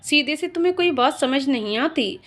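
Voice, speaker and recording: A woman's voice: high voice, expressive, moderate pace, a bit bright. A woman voicing a young husband who pleads and then turns firm, in a dramatic story reading. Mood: stubborn. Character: young husband, troubled and protective.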